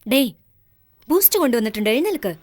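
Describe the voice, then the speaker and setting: A woman's voice: sits high, big pitch swings, fast, heavy background noise. An actress dubbing a bold, protective mother who argues back to her husband. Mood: reproachful. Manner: bold, pleading, reproachful. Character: outspoken protective young mother. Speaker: mother defending her son. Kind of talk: dubbed film dialogue.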